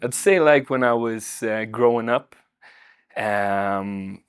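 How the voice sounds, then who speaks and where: A man from Sweden, a nurse, speaking in a reflective documentary interview, searching for words with many pauses and fillers. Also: fairly low pitch.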